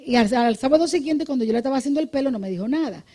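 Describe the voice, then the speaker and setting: A woman's voice: high voice, lively intonation, very fast, warm tone. A woman pastor preaching a midday church sermon in a conversational teaching way, often checking in with her listeners and saying amen, with some restarts and repeated words. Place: church service.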